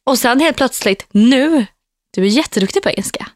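A woman's voice: high voice, expressive, dry recording, clean studio sound. Chatty young woman co-host. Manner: chatty, laughs at herself, loose and informal. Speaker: podcast co-host. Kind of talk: casual podcast chat.

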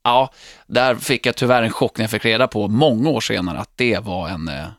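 A man's voice: lowish voice, fairly bright tone, no echo. Enthusiastic man co-hosting, dry sound. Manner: enthusiastic, laughs while telling stories. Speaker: podcast co-host. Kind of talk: casual chat.

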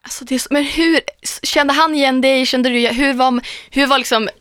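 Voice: sits high, steady tone, fairly bright tone, clean tone, dry recording, studio quality. A podcast co-host chatting casually, mostly giving short supportive replies.

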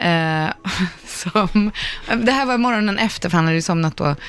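Actress and comedian lady on the radio, tells stories, laughs a lot, faint music behind. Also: medium pitch. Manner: animated storyteller, laughs often. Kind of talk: casual chat on the radio.

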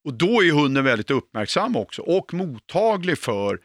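An older man with a gravelly, creaky voice lays out his views as a dog trainer in a firm, emphatic way. He often checks in with short tag questions. The sound is dry and close. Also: on the high side, sing-song, a bit bright, dry recording. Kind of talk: conversational expert explanation.

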